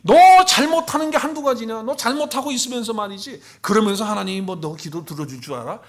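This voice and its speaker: A man's voice: high-pitched, expressive, quick pace, pitched above the performer's own voice. A man voicing a scornful, tempting inner voice that mocks the listener with taunting questions.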